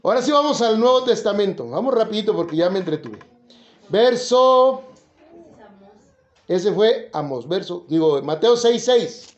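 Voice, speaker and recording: A man with a Mexican accent preaches in a high voice, chatting and joking with his listeners. His voice bounces around an echoey room. The sound is a little dull. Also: sing-song, a little slow. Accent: Mexican Spanish. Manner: chatty, jokes, asks the listeners questions. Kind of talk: informal Bible teaching to a congregation.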